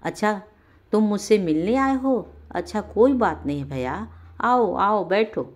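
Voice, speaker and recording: A woman voicing a sly, greedy village man who speaks loudly and over-welcomingly. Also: medium pitch, lively intonation, measured pace, lightly acted. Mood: falsely friendly. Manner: loud, overly welcoming.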